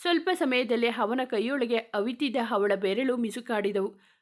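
A woman's voice: on the high side, normal speed. A woman reading a romantic story aloud, narrating and speaking every character in much the same voice.

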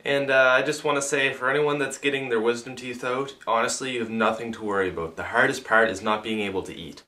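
A man's voice: medium pitch, fairly even intonation, fast, bright, forceful tone. A young man vlogging casually with a sore mouth after wisdom teeth removal. He talks with his mouth held half closed and has a slight lisp. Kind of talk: casual rambling vlog talk.

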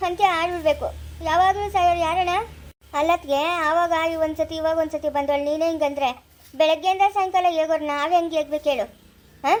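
A woman's voice: high-pitched, close to an everyday voice. A woman playing a furious feuding village woman. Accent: rural Chikkaballapura Kannada. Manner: shouting, scolding, cursing. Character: bitter, furious village woman in a family feud.

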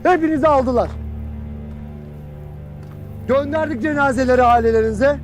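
An actor playing a stern army captain who berates his soldiers with harsh scolding and sudden shouts. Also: very high voice, normal speed, soft background music. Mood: berating. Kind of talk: film drama acting.

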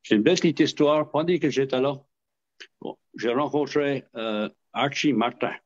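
A man's voice: medium pitch, moderate pace. Hesitant Acadian man on a dull recording. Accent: Acadian French. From southwest Nova Scotia. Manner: hesitant, repeats words, chuckles while telling stories. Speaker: interviewee, association representative. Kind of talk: casual storytelling interview.

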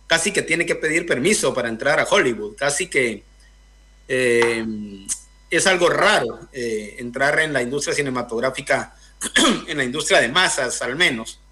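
A man's voice: medium pitch, pushed and bright. Hesitant young man from Guatemala. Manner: thoughtful, hesitant with many fillers. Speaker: guest filmmaker. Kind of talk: radio interview. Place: indoor room, video call.

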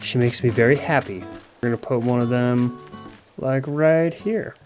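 A man's voice: medium pitch, moderate pace, a little mellow, poor audio. A young man giving jokey, crude commentary while he plays a game and talks back to its characters. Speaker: gaming YouTuber. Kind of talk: casual gameplay commentary. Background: game music.

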